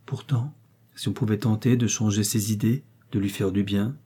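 A man voicing a timid, gentle young princess who speaks softly and pleadingly in an audiobook. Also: a little high, lively intonation, moderate pace, slightly rough, pitched above the performer's own voice.

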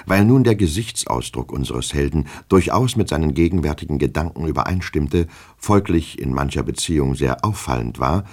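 A man with an extremely deep voice reads a classic novel for radio. His husky tone rises and falls with lively expression. The delivery is measured and careful. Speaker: reader. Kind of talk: literary reading for radio.

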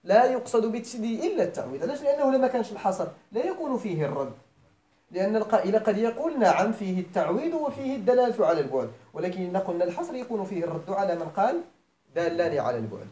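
A man's voice: high-pitched, big pitch swings, rapid-fire, mellow. A middle-aged man with a Moroccan accent, teaching a grammar class, explaining step by step, repeating phrases and often asking his students if they follow, moving between formal Arabic and dialect. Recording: echoey room.

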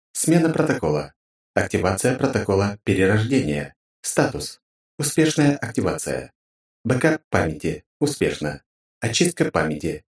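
A man's voice: on the low side, roomy sound, recorded from a distance. A male audiobook narrator voicing a malfunctioning computer system that reads clipped status reports and repeats its error messages.

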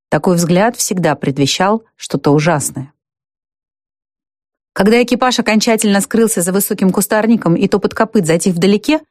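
Woman narrator, audiobook reading, measured, even, mid pitch, dry close sound. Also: dry recording. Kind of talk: scripted narration.

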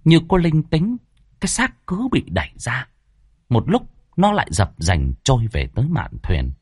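A man narrating a ghost story from a script, with a dramatic, varied delivery and tense pauses. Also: medium pitch, wildly swooping pitch, a little mellow, breathy edge, no echo, clean studio sound.

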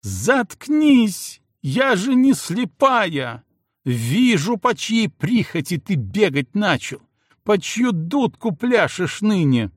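A man's voice: slow, creaky, breathy edge, no echo, studio quality, heavily acted. A man voicing a furious jealous princess who screams insults at her husband. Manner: screaming insults, shrill and frantic. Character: furious jealous young princess, shrieking wife.

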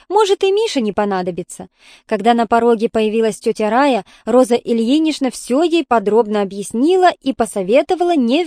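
A woman narrating an audiobook in a steady storytelling manner. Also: on the high side, no room sound, studio quality.

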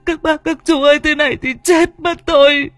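A man putting on a panicky young village mother, stammering, high strained falsetto, dry close audiobook sound. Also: steady tone, normal speed, a bit bright, dry recording. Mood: panicked.

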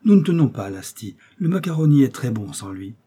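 A man's voice: medium pitch, sing-song, brisk, mellow, breathy edge. A man voicing a poised young Englishwoman. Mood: protesting.

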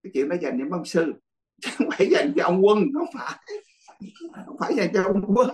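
A man's voice: high voice, very animated, brisk, a little mellow, rough recording. A man, a Buddhist monk, teaching a dharma class in a blunt, teasing way and laughing often.

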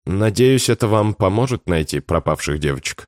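A man's voice: on the low side, animated, moderate pace, a little mellow, no room sound, clean studio sound, close to an everyday voice. A man voicing a worn-out young mother who speaks curtly and guardedly.

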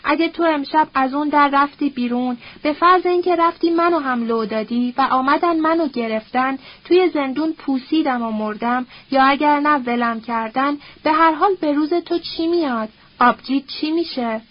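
A scheming older man, put on by a woman reading aloud, pressing his threats with a wheedling, menacing tone. The voice sits high. The recording sounds dull and lo-fi. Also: hardly any pauses, lightly acted. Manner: threatening, pleading.

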